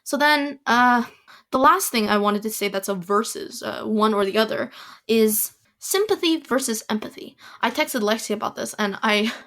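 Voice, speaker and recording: A young woman talks through her views on her own podcast, one thought running into the next as she stops and restarts her sentences. Her voice sits a little high for a woman, and she is casual and opinionated throughout. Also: moderate pace, a bit bright. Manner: rambling, opinionated, many restarts and fillers. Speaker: podcast host. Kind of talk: solo casual podcast chat.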